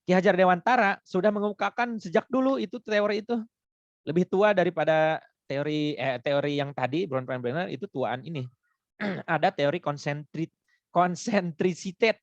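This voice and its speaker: Guy teaching over a video call, kinda high voice, laughs a lot, dull dry sound. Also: normal speed, no room sound. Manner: chatty, laughs often, switches into Sundanese words. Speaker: lecturer. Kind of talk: relaxed online lecture.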